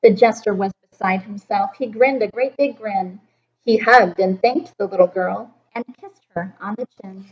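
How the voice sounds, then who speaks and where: A woman teacher reading a rhyming picture book aloud to children in an expressive, rhythmic way. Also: mid-range voice, moderate pace, highs cut off. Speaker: elementary teacher.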